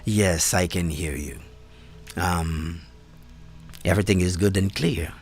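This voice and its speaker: A man with a very low voice hosts a live call, stumbling over his words and circling back. Faint music sits under his voice. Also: slightly rough. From Haiti. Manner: halting, repeats words and restarts often. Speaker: host and community organizer. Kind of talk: live-stream conversation. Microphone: phone or call setup.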